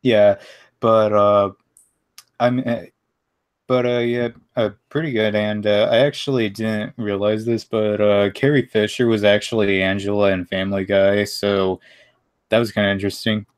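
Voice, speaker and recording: Male stream guest, smooth resonant low voice, halting delivery. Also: little pitch movement. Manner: hesitant, many "uh" pauses. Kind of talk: casual chat on a live stream.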